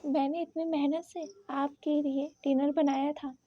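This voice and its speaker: A woman's voice: high-pitched, little pitch movement, measured pace, no room sound, highs cut off. A woman doing a pouting, childlike young man. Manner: whiny, pouting, sulky. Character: pouting sweet young male omega, childlike.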